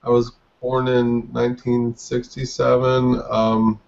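Speaking slowly in a creaky, darkish, mid-range voice with a completely flat delivery, a guest artist in his forties hesitates and restarts during a video call interview. He's indoors in a dim room, and his webcam gives dull lo-fi sound.

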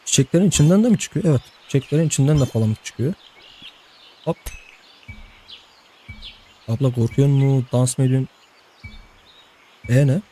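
Young man, gameplay commentary, mellow voice, faint background hiss, chatty and playful. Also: mid-range voice, moderate pace, pauses often. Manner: chatty, talks to game characters, laughs often. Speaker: gameplay host. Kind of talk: casual let's-play commentary.

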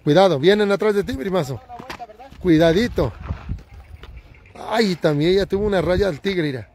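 Brief: male Mexican live commentator, hyped, repetitive warnings, high-pitched, phone-recorded outdoors. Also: moderate pace. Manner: excitable, repeats warnings and catchphrases. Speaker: livestream commentator. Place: outdoors on a hillside race course.

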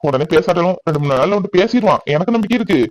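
A man plays a kind-hearted brother in an animated drama, reassuring his sister and telling her not to cry. His voice is fairly high and brisk. The recording is dry and close. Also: no echo. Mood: soothing. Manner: soothing, warm-hearted, reassuring. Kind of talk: cartoon voice acting.

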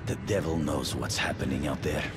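A man's voice: a bass voice, brisk, music in the background. An actor playing a tough, grizzled male hunter who gives terse, commanding orders in a video game.

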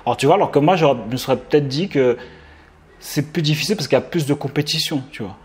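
Slangy, excitable host. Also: male voice, on the high side, quick pace. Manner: enthusiastic, slangy reactions. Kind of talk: casual interview talk.

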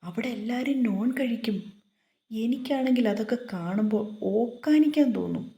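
A woman's voice: fairly high pitch, normal speed, vocal fry, warm tone, voice pushed up. A woman voicing a young bride who chatters, pleads and asks eager questions. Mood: chatty. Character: young female bride, emotional and talkative. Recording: roomy echo.

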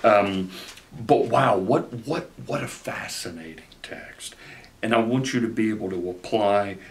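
A man in his forties, a pastor preaching a sermon from a chair in a study, animated and gesturing, often repeating words as he starts a phrase. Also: lowish voice, a little slow, a little hiss or hum. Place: study with bookshelves, indoors.

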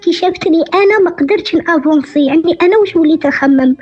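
A middle-aged woman with an Algerian accent, calling in over the phone and telling her story haltingly, with many hesitant fillers. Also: very high-pitched, darkish tone. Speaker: caller. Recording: dull phone line.

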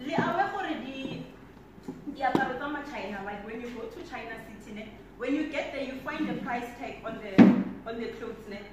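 High-pitched and lively in intonation at a normal speed, a twenty-something South African woman gives a motivational conference keynote full of emphatic, preacher-like repetition, pacing and gesturing as she talks. Her handheld mic is heard from a faraway camera in a big indoor hall, leaving echoey audio with background noise.

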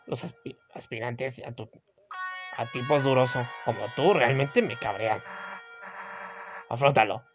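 A person voicing a gruff, threatening purple monster girl with a curt, menacing manner in a video game. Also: mid-range voice, measured pace, pauses often, highs cut off, over music, close to an everyday voice. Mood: irritated, threatening.

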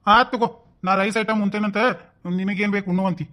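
A worried young husband in a cartoon grumbles stubbornly in a high North Karnataka voice. He speaks plainly and digs in his heels. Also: little pitch movement, fast talker, sharp tone. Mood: grumbling. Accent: North Karnataka Kannada.

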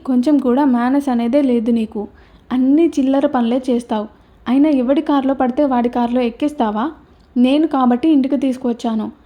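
A young man in a storybook lays down the law in a hard, scolding tone, as a woman reader puts him on. The voice stays high and mellow. He threatens and lectures without letting up. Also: close to an everyday voice. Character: stern angry young man, commanding. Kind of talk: storybook character voice.

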